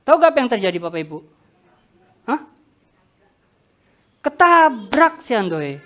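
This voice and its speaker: Animated woman preacher. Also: a little high, unhurried. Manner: animated, addresses congregation directly. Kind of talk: storytelling sermon.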